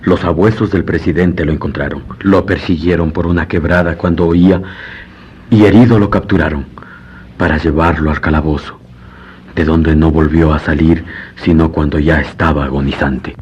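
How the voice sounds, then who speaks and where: A man's voice: rumbling low, steady tone, normal speed, a little mellow, husky, full character voice. A man playing a grave, world-weary lawyer in a radio drama, formal and brooding. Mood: grave, troubled. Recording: dull lo-fi radio recording.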